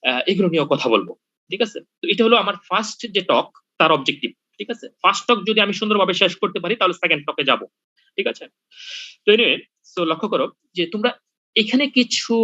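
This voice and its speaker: A man giving an online lab lecture over a video call, patient, often stopping to check that students follow and filling pauses with hesitations. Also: high-pitched, sharp tone, dry recording, highs cut off. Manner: patient, repeats "ঠিক আছে?" to check in with students; hesitant with frequent fillers. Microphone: computer mic on a video call.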